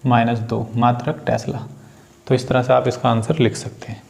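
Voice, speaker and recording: A man's voice: mid-range voice, little pitch movement, moderate pace, vocal fry, a little mellow, slight background noise. Male tutor, mid-range voice, patient step-by-step classroom explainer. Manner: patient, addresses students as beta, asks and answers own questions. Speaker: physics teacher. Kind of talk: classroom problem-solving lesson.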